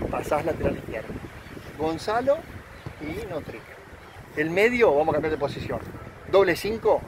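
High-pitched older man giving a halftime speech. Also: noisy background. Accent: Rioplatense. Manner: rambling, halting instructions with repetitions. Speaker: amateur football coach. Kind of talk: halftime team talk. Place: outdoors beside a football pitch. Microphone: phone a few steps away. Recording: outdoor phone recording with loud group chatter.

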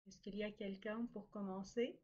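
A woman's voice: medium pitch, level tone, normal speed, mellow, lo-fi sound. A woman moderates an online meeting, briefly inviting each participant to speak. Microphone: video call.

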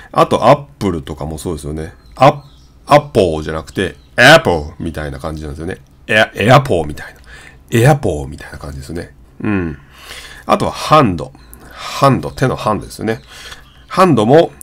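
A man whose first language is Japanese, casually teaching English pronunciation and drawing out vowel sounds as examples. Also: on the low side. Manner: demonstrates vowel sounds, repeating and drawing them out. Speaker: channel host.

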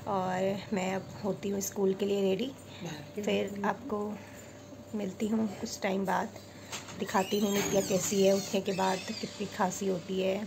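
Chatty vlogging mom, gravelly voice. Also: female voice, medium pitch, level tone, measured pace, noisy background. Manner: chatty, coaxing with her children. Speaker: vlogger, mother. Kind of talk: casual family vlog chat.

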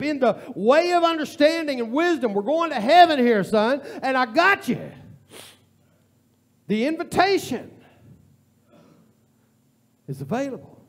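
In a church sanctuary, a pastor with a very high voice preaches a sermon using informal, repetitive phrasing. He works up to an impassioned near-shout, then later sinks into a quiet prayer.

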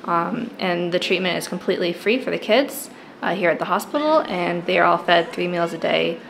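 An American woman in her twenties, a charity coordinator, explaining her work in a relaxed way with frequent ums. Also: on the low side, brisk, creaky, a little hiss or hum, low-quality recording. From United States. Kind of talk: casual explanatory talk.

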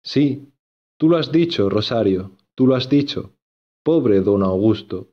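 A man playing an earnest, lovesick young gentleman in a storybook, insistent and given to repeating himself. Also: fairly low pitch, animated, a little slow, highs cut off.

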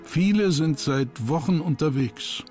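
A man reading a scripted history documentary narration in a sober, measured manner. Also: a little high, expressive, darkish tone. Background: background music.

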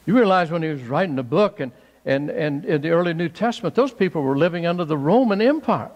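A man in his sixties, a pastor, preaching a sermon with emphatic bursts that jump up to high exclaims. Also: animated, quick pace, long reverb tail, dull audio. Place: church sanctuary.

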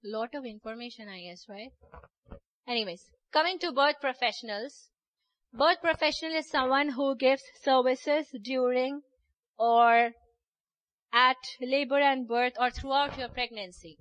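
A woman's voice: high voice, a little slow, a bit bright, no echo. A woman doula and childbirth educator giving a workshop lecture, explaining step by step and often checking in with "okay?". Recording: dull lo-fi recording.

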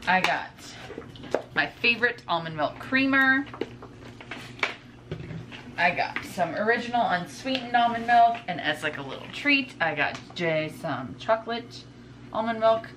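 Fairly high-pitched and expressive, she speaks at a measured pace and pauses often. The speaker, a stay-at-home mother in her twenties who vlogs, rambles informally to camera in her kitchen while showing groceries, drifting into asides; it's a clearly noisy home recording with room ambience.

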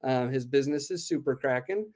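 Talking a little fast in a medium, slightly mellow voice, a man in his thirties describes his event plans with enthusiasm and many "uh" fillers. He's being interviewed over a video call, using a laptop webcam in a room at home.

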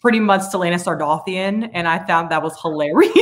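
A woman co-hosting a book club, chatting casually with frequent laughter and quick asides. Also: on the low side, huge pitch swings.

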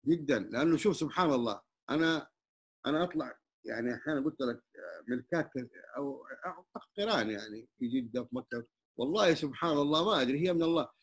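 A man's voice: fairly high pitch, animated, quick pace, slightly rough. An older man with a Hijazi Arabic accent speaking in an open conversation at a community hall, humble and emphatic, with many religious phrases. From Saudi Arabia. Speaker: interviewee, traditional singer and muezzin.

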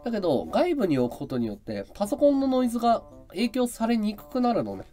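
A male live streamer in casual chat, with a high, carrying voice, explaining his audio setup. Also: wildly swooping pitch, fast, dark tone, faint music behind. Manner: chatty, explains his audio gear and voice tricks. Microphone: desk mic through an audio interface and mixer.

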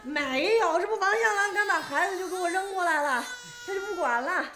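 A woman's voice: extremely high pitch, quick pace, a crowd in the background. An actress playing a young woman home on leave, blunt and exasperated with her family. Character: young woman, sharp-tongued aunt. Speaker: daughter and aunt home on leave. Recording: echoey room with background noise.

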